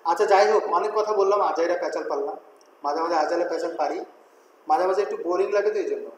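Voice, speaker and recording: A higher-pitched man lectures fast and loud in a web design class, peppering his students with questions and slipping English words into his talk. His voice rings in a very echoey room. A faint hiss of noise sits underneath. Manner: chatty, addresses students directly with questions.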